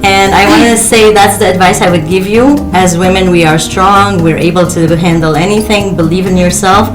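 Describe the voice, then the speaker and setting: A woman's voice: lowish voice, steady tone, moderate pace. A woman from Lebanon, a teacher, speaking earnestly and encouragingly in a casual panel talk. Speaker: teacher guest. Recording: echoey room with music behind.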